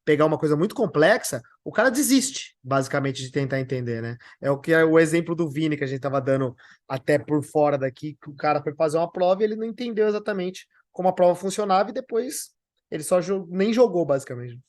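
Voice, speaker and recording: A man's voice: a little high, expressive, quick pace, darkish tone. A man in a casual podcast chat, reacting and adding points eagerly.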